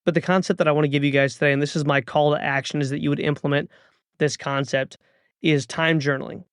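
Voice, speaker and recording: Thirties male podcast host; earnest motivational monologue, urging and repetitive; gravelly, dry close-mic. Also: a little high, level tone, fast talker, no room sound. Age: 30s.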